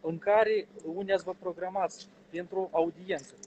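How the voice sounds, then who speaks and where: A male reception official calmly explains a procedure to visitors. He is polite but hesitant and leans on fillers. His voice sits a little high. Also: slight background noise, low-quality recording.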